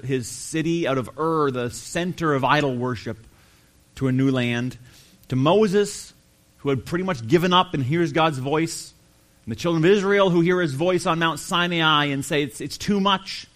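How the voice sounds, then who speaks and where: A man preaching a sermon, earnest and emphatic, slowing down to stress key phrases. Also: medium pitch, a bit bright. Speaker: pastor.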